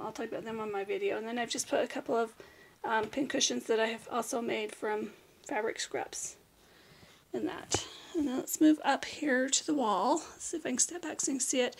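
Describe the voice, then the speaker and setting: Middle-aged American woman, slightly high pitch, hoarse and raspy with whispery breaks; casual, self-correcting home vlogger. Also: fairly bright tone. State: hoarse, losing her voice. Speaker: vlog host. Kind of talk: casual chatty craft room tour. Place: small room at home, indoors.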